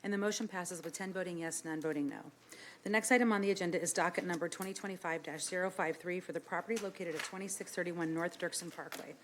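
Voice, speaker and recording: Brisk, businesslike woman chairing, lowish voice. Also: fairly even intonation, a little hiss or hum. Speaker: council meeting chair. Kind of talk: formal reading of agenda and procedure. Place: indoor council meeting room.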